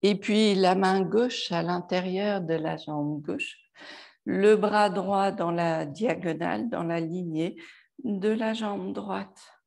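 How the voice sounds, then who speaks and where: Female yoga instructor, soft counted cues, dark mellow tone, slow delivery. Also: lowish voice, creaky. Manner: slow, calm cueing with soft counted breaths. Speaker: yoga teacher. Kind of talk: guided yoga class instruction.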